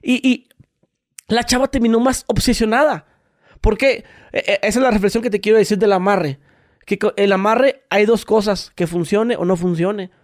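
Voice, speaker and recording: A man telling a story in casual podcast chat, animated, full of crude slang and acted-out voices. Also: high-pitched, normal speed, no echo, studio quality.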